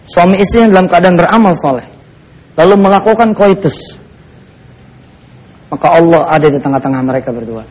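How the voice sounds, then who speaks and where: A man preaching a dawn sermon, joking and teasing his listeners. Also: sits high. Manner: joking, playful asides to the audience. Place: mosque.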